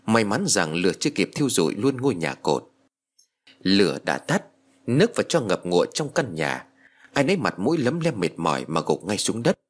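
A man reading a horror story aloud in an expressive narrating style. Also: on the low side. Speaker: story reader.

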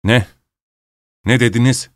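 A man's voice: mid-range voice, steady tone, measured pace, no echo, clean studio sound, close to an everyday voice. A man doing a furious, bellowing postman. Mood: gruff. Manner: irritable, yelling curses. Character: angry shouting middle-aged male postman.

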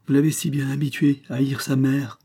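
A man's voice: medium pitch, level tone, normal speed, warm tone, slightly rough, voice pushed up, natural voice. A man voicing an anguished noblewoman, a grieving mother who pleads in emotional outbursts in a storybook reading.

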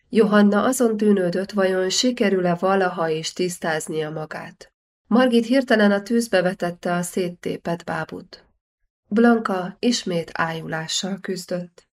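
A woman reading a historical novel aloud as an audiobook narrator, measured and steady. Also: fairly low pitch. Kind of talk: scripted narration.

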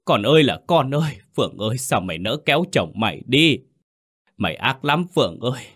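A man's voice: mid-range voice, big pitch swings, a little fast, fairly bright tone, slightly rough, pitched above the performer's own voice, exaggerated voice. A man voicing a grieving old mother who wails and curses in a storybook ghost tale. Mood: anguished wailing. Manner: wailing, accusing.

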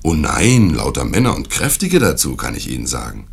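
A man's voice: a bass voice, wildly swooping pitch, normal speed, full character voice. A man reading the part of a suave, evasive asylum director in a dramatic reading of a classic tale. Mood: smooth. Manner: smooth, insistent, courteous yet brusque when crossed.

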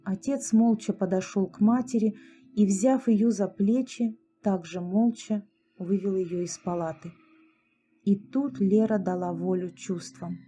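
A woman narrating a dramatic story in a calm, measured audiobook reading. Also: a little high. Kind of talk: scripted narration.

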